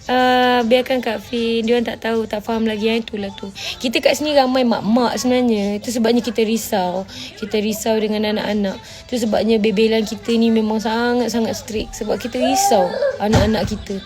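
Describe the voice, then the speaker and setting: Blunt scolding Malaysian woman, fairly high. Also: steady tone, a little fast, hardly any pauses, darkish tone, faint music behind. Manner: blunt and scolding, often asks "faham tak?". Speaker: livestream host answering viewer comments. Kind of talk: casual livestream chat mixing Malay and English.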